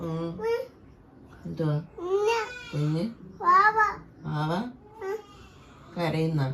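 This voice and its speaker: A soft-spoken woman with a low, gravelly voice, talking tenderly in a family vlog. A faint hiss sits under her words. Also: normal speed. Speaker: parent vlogger. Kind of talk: family vlog, talk to a toddler and viewers.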